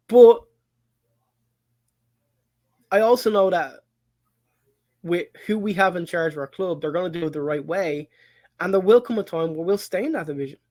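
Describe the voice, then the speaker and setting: A man with an Irish accent co-hosting a casual football podcast, excitable, swearing and laughing often. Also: sits high. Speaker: podcast co-host.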